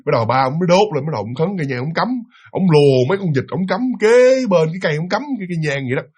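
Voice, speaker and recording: A man with a Southern Vietnamese accent telling a ghost story in a lively, animated way and speaking straight to his listeners. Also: a little high, racing, breathy edge.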